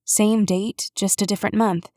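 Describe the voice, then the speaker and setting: A woman's voice: medium pitch, fairly even intonation, normal speed, a little mellow, no room sound, natural voice. Eager young woman sleuth, voiced by a woman narrator, dry booth sound. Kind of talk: audiobook character voice.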